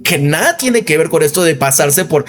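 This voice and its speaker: A man's voice: on the high side, expressive, normal speed. A Mexican man in his thirties hosting a casual commentary video, rambling and tossing in tag questions. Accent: Mexican Spanish. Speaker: commentary channel host.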